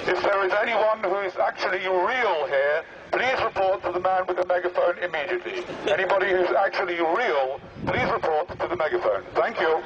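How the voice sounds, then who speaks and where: A man speaking through a megaphone on a busy outdoor square, making formal, deadpan mock public announcements. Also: sits high, brisk, hardly any pauses. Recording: muffled megaphone with street noise.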